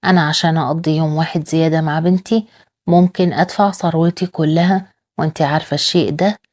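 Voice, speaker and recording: A woman's voice: deep voice, fairly even intonation, quick pace, a little mellow. A woman with an Egyptian accent reading the lines of an angry, proud father in her own voice. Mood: pleading. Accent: Egyptian Arabic.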